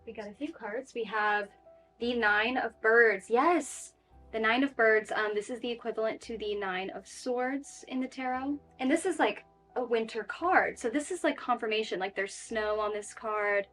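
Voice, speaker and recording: Woman doing a chatty tarot reading, kinda high voice, soft music behind her, lots of um and like. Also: moderate pace, few pauses. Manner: chatty and reassuring, with frequent fillers. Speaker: tarot reader. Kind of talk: casual spoken tarot reading.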